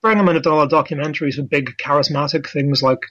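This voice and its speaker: A man with a fairly high voice talks in a casual, enthusiastic way as a science presenter being interviewed. He explains things chattily down a dull phone line. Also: steady tone, fast talker, a bit bright. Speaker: science presenter and comedy night organiser. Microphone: telephone.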